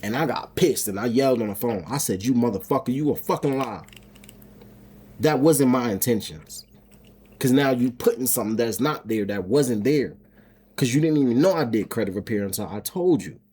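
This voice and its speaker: A man's voice: mid-range voice, animated, fairly quick, mellow, husky. A middle-aged man venting in a rambling, profane vlog monologue, stumbling and repeating his words. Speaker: homestead vlogger and single dad.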